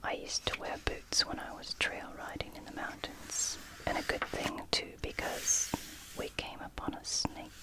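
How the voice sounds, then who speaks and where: An ASMR host speaking in a soft, unvoiced library whisper, gently reading and commenting on a book in short phrases with pauses. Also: poor audio.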